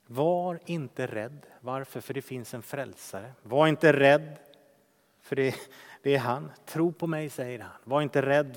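A man preaching a sermon as pastor, earnest, swinging from loud emphasis to hushed softness. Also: medium pitch, long reverb tail. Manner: earnest, shifting between loud emphasis and hushed soft speech.

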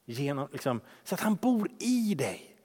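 A man preaching a sermon as pastor, earnest, swinging from loud emphasis to hushed softness. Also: fairly high pitch, big pitch swings, husky, in a large hall. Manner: earnest, shifting between loud emphasis and hushed soft speech.

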